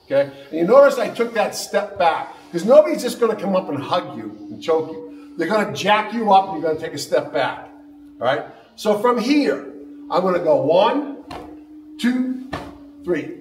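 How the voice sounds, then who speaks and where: A man with a fairly high voice leads a martial arts seminar. His delivery is upbeat and jokey, and he keeps checking in with "all right?" as he goes. He is picked up from a distance in an echoey training hall with faint background noise. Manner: frequent "all right?" and "okay?" checks to the class. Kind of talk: seminar teaching with demonstration. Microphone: camera mic from a distance. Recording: echoey hall recorded from afar.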